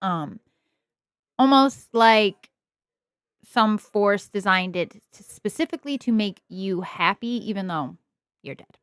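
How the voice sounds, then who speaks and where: A woman running a tabletop game as game master, narrating in a relaxed, meandering way with many pauses. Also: medium pitch, clear, resonant tone, dry recording, studio quality.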